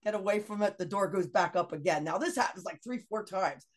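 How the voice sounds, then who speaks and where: Middle-aged woman guest, chatty and animated storyteller, laughing as she acts out her own lines. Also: medium pitch, a little fast. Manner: animated anecdote with laughs and quoted dialogue. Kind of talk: casual storytelling.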